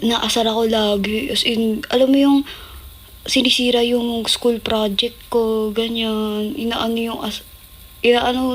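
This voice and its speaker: A young woman telling stories on a casual livestream, laughing often and acting out quoted lines in a raised voice. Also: a little high. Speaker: idol group member on a livestream.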